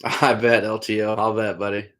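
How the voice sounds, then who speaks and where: A man's voice: fairly low pitch, little pitch movement, normal speed, a bit bright. A man chatting casually on a live stream, answering viewers in a laid-back way. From Iowa, USA. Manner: laid-back, calls chatters "buddy", trails off with "I don't know". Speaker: trapper hosting a live stream.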